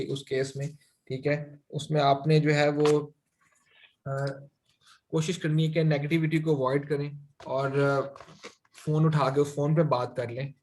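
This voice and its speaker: A man's voice: fairly high pitch, a little mellow. A man teaching an online finance class, speaking Urdu-Hindi with many English phrases and frequent fillers. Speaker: finance instructor.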